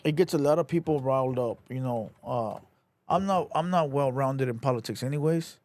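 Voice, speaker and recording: A man's voice: medium pitch, moderate pace, darkish tone, no echo. A man casually chatting on his livestream, loose and slangy, with lots of "you know" and "bro". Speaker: livestream host.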